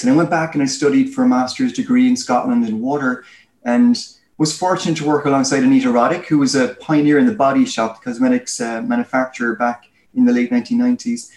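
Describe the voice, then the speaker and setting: In an echoey, roomy recording, a guest from Ireland who runs a research firm talks fast, his voice medium in pitch with a darkish tone. His interview answers are clear, explanatory, and delivered like stories, in an Irish accent.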